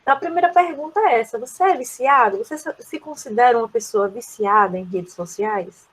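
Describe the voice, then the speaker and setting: A woman's voice: on the high side, fairly quick, rough recording. A woman with a Brazilian Portuguese accent, reviewing an English lesson for online students and explaining each word, often adding "né?". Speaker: English teacher.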